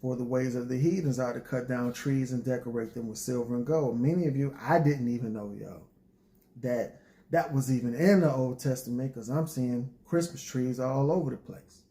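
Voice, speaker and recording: A man with a mellow, dark voice at a middle pitch talks informally to his listeners. He is reflective and folksy, with a bit of a preacher's manner. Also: moderate pace. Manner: folksy, preacherly, often addresses listeners as y'all. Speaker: poet addressing an audience.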